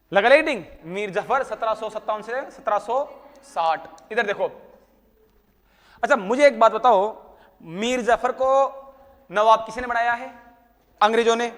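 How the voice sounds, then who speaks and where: A man teaching a classroom lesson, his voice pitched fairly high. He teases his students and keeps asking questions before answering them himself. The room gives his voice a long, ringing reverb. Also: fairly bright tone. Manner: teasing, talks to students by name. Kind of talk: classroom history lecture.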